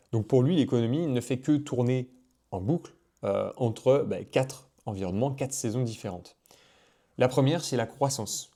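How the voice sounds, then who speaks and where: A man's voice: mid-range voice, mellow. A man explaining investing in a casual video, talking freely with many fillers and restarts. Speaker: finance content creator.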